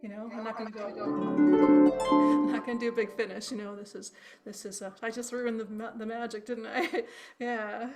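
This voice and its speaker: A woman's voice: a little high, flat delivery, moderate pace, over loud music. A woman teaching a harp workshop over a video call, chatty and conversational, quizzing her class with little tag questions as she goes. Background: harp playing.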